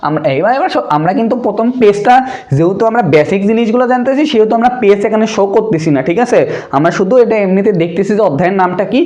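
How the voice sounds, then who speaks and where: A man's voice: sits high, darkish tone. A young man teaching a primary school math lesson, asking the pupils questions and answering them himself in a casual, brotherly way. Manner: slows to spell out numbers.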